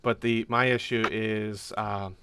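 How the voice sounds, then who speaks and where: Chill guy hosting a tabletop chat, halting, supportive, talking about his build. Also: fairly low pitch, level tone, background noise. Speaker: game host and player.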